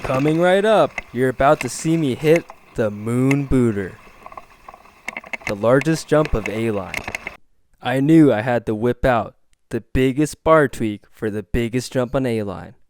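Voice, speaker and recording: A young man narrating his own mountain biking video in a deadpan, joking voice-over. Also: mid-range voice, slight background noise. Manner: deadpan jokey storytelling. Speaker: mountain bike vlogger.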